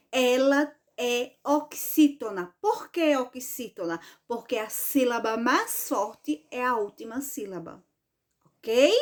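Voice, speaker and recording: A woman teaching an online grammar lesson for children, speaking in a drawn-out, sing-song way and often checking with "right?". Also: high-pitched.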